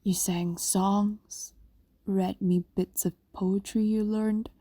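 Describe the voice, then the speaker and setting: A woman whispers as a lovestruck fox demon, ages old, possessive yet tender, in an intimate ASMR-like fantasy audio roleplay. Her soft, breathy medium-pitched voice keeps a level tone, slow and coaxing with lingering pauses, wistful and fond. The recording is dry.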